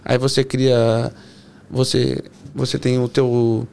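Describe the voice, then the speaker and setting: A man guest on a podcast, explaining his travels in a relaxed, rambling way. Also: medium pitch, takes it slowly, gravelly, clear, resonant tone. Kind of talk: casual podcast chat. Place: podcast studio.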